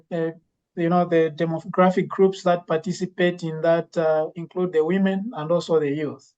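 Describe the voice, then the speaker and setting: A woman lecturer gives a presentation in an even, level voice that rarely rises or falls. She hesitates often, filling pauses and restarting sentences. The recording sounds dull and lo-fi. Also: low-pitched. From Zambia. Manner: hesitant, many fillers and restarts. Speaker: university lecturer and legume breeder giving a talk. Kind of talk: conference presentation.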